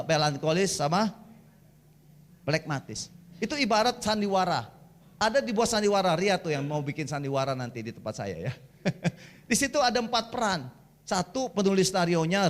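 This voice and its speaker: A middle-aged man giving a humorous church sermon, telling lively stories in casual slang. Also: high-pitched. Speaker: guest preacher.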